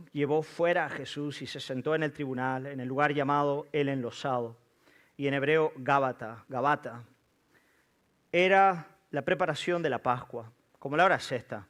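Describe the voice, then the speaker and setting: Solemn preacher. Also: male voice, on the high side, a bit bright. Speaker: pastor. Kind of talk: scripture reading and prayer.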